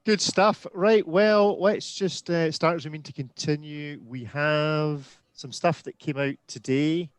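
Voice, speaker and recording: Male host, live video call, brisk and jokey, dry close sound. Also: fairly high pitch, steady tone, clear, resonant tone, no room sound. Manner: jokey, brisk, introduces guests one by one. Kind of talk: casual live video chat.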